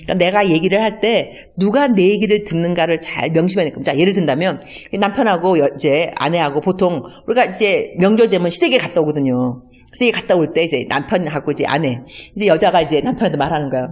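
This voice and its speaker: A woman's voice: lowish voice, fast talker. A woman missionary giving a conversational teaching talk, acting out everyday dialogues and mixing in English words. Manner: acts out everyday dialogues in lively voices.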